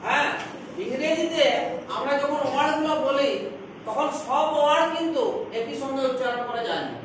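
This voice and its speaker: A woman's voice: high voice, lively intonation, normal speed, background noise. A woman teaching young children English, patiently stretching words out syllable by syllable. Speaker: primary school English teacher. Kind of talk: classroom lesson explanation. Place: classroom. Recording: echoey classroom, recorded from a distance.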